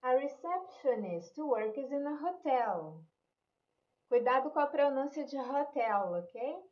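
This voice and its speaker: Slow, patient Brazilian woman teacher. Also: sits high, lively intonation, echoey room, muffled recording. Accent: Brazilian Portuguese. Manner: explains patiently, mixes English and Portuguese, frequent "né?" and "ok?". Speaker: English teacher. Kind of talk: online language lesson.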